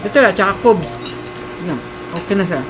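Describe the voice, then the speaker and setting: An expressive Filipino mukbang host with a mid-range voice talks at normal speed over background music. She chats while eating, making savoring hums, in a noisy space full of clattering dishes.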